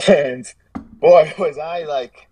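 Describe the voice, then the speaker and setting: Far from the mic, a man with a fairly high, warm voice draws out his words as a guest on a casual podcast. He runs a gym meme page and tells stories in a rambling way, correcting himself and restarting sentences often.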